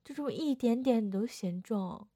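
A woman's voice: on the high side, expressive, normal speed, warm tone, no room sound. A young woman voicing a playful older sister in a second-person audio role-play, whining and teasing coquettishly.

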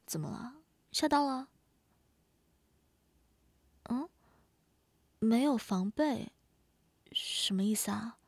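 A woman voicing a gentle, caring, softly teasing neighbor big sister in an audio role-play, speaking softly and coaxingly. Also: a little high, slow pace, pauses often, no room sound. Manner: soft, tender, coaxing.

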